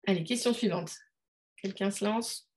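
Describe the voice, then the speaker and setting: Over a video call, a woman runs an online teaching workshop, chatting casually with lots of fillers and restarts. Her medium-pitched voice is a little mellow and moves at a moderate pace, and her manner is hesitant and conversational.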